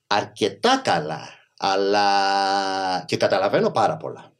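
A middle-aged man with a mainland Greek accent, telling stories casually and emphatically as a podcast guest. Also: sits low. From Greece. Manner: animated, emphatic, acts out quoted speech. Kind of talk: casual conversational storytelling.

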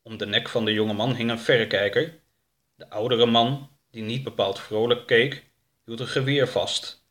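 A man reading a storybook aloud as narrator, expressive. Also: medium pitch, moderate pace.

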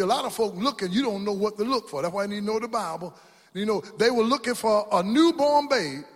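Preaching man, high lively voice. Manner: call-and-response preaching, swings to shouts. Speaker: pastor. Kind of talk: sermon. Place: church sanctuary. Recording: long hall reverb.

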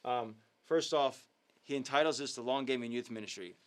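A man's voice: medium pitch, moderate pace. A man hosting a live youth ministry talk show, speaking casually and earnestly with lots of ums and uhs as he shares updates and a devotional. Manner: filler-heavy, earnest, upbeat. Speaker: youth ministry leader and host.

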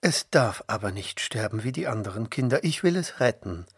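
A man's voice: lowish voice, normal speed, breathy edge, dry recording, studio quality, exaggerated voice. A man reading the part of a young Egyptian princess, calling out eagerly and speaking with tender pity. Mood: compassionate. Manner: raised excited exclamations, tender pity.

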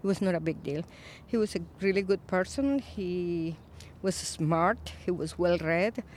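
A Colombian-born woman in her fifties, an Episcopal priest, speaking thoughtfully in a recorded interview, with frequent pauses and fillers. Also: lowish voice, slight background noise. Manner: reflective, soft-spoken with frequent pauses and fillers.

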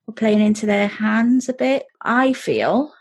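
A woman co-hosting a podcast in casual chat, skeptical and quick to react. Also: on the high side, lively intonation, darkish tone, slightly rough. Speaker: podcast co-host.

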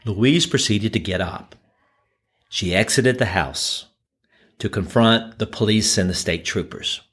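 A man preaching, telling a story in a measured, dramatic manner with shifting tempo. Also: lowish voice, a bit bright, slightly rough. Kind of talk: sermon storytelling.

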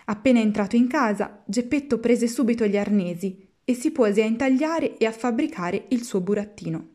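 A woman reads a classic storybook aloud. Her voice is mellow and warm in tone, and she keeps a measured pace, leaning into the expressive turns of the tale. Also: on the high side. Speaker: narrator. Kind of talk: storybook reading.

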